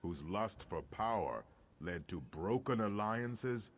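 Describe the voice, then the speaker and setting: Grave, bitter warrior quest-giver for a fantasy game, deep and slow, with dramatic swoops. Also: male voice, expressive, a little hiss or hum. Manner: grave, formal, deliberate. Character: solemn, embittered male warrior quest-giver. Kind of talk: scripted fantasy video game dialogue.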